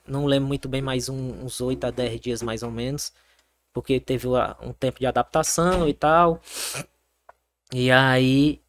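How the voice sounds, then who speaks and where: Young Brazilian soldier guest, lively storyteller who restarts often. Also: male voice, medium pitch. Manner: animated storytelling, many fillers and restarts. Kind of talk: casual interview.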